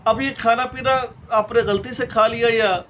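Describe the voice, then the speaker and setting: A man with a notably high voice delivers a religious lesson as its teacher. He lays out each rule in order, stops to ask rhetorical questions, and illustrates with homely examples. A faint background hiss sits beneath his voice. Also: steady tone, dull audio. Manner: addresses listeners directly and informally.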